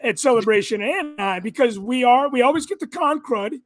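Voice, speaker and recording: A podcast co-host chatting casually, in a halting, talkative way. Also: mid-range voice, animated. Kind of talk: casual chat.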